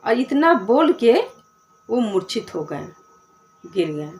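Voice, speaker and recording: Lady telling a devotional story real slow, talks right to the listeners. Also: fairly high pitch, very animated, darkish tone, a little hiss or hum. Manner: plain, heartfelt retelling with direct address to listeners.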